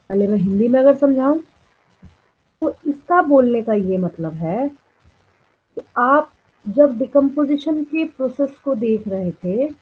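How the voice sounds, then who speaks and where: A woman biology teacher giving a classroom lecture, dictating notes slowly word by word and often checking that students follow. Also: fairly high pitch, husky. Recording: tinny phone-like sound.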